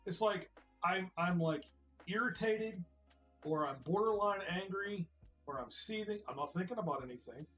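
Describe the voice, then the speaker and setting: A man with a voice a touch higher than most talks in a loose, rambling way, restarting sentences and slipping into quoted back-and-forth. It is relaxed group chat on a stream, with faint music underneath. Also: moderate pace. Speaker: community founder.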